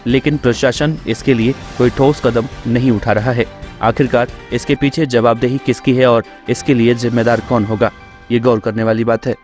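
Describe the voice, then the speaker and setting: A man reporting in a formal, measured news voice-over. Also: medium pitch, fairly even intonation, a little mellow, faint music behind. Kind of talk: scripted news narration.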